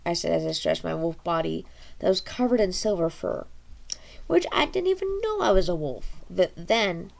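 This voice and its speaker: A woman reading her own story aloud in a halting, casual way with frequent restarts. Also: fairly low pitch, very animated, creaky, a little mellow.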